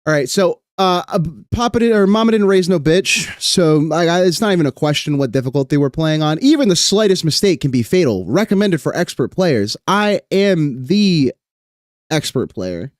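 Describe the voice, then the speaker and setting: A man's voice: on the high side, animated, brisk, few pauses, no echo, clean studio sound. A young man chatting casually on a live stream, rambling with lots of fillers and casual swearing.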